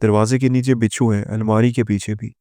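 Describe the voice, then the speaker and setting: A man voicing a terrified, paranoid young wife in a spoken moral story, his tone low and flat. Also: no echo, clean studio sound, natural voice.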